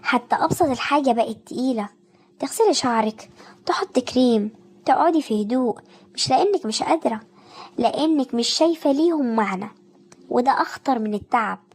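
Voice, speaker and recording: A woman with an Egyptian Arabic accent giving scripted motivational narration, speaking softly and intimately straight to the listener. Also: a little high, lively intonation, fairly quick, slightly rough. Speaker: narrator of a self-care video.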